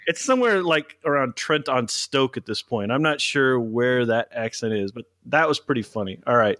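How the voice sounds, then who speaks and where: A man hosting a podcast in casual chat, teasing and quick to laugh. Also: medium pitch, lively intonation, fairly bright tone, no echo. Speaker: podcast host.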